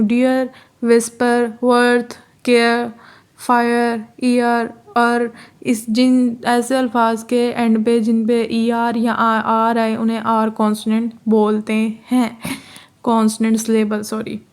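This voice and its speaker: A woman with a Pakistani accent teaching a phonetics lesson, repeating key terms, giving examples and correcting herself as she goes. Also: fairly high pitch. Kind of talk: lecture in Hindi-Urdu, explaining English phonetics.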